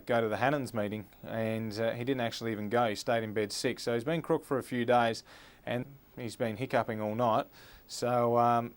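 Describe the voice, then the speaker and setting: Smooth-voiced Australian young man. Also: mid-range voice. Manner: relaxed, with frequent ums and uhs. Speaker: stand-in race caller interviewed. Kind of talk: casual interview answers.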